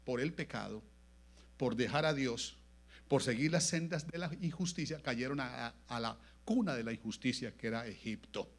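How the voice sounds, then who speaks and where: A man pastor with a Latin American Spanish accent preaching a sermon in a church, dropping to low murmurs and then rising to loud, emphatic lines. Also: gravelly. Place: church sanctuary.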